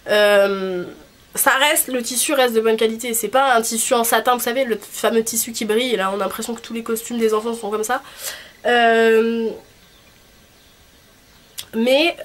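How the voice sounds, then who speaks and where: A young woman with a blocked nose and a honking, nasal voice, chatting casually and rambling informally as a vlogger. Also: on the high side. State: congested with a cold. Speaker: cosplay vlogger. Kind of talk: casual video chat. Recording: clearly noisy background.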